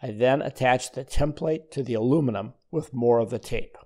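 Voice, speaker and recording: An older man giving a calm, methodical voice-over as he explains a woodworking demonstration. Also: medium pitch, normal speed. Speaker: woodworking instructor. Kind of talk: scripted voice-over narration.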